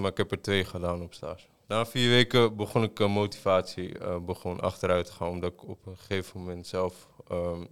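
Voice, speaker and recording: A young male student with a very low, monotone voice talks hesitantly about his internship, stopping often on fillers. His tone is smooth and clear. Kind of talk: casual chat.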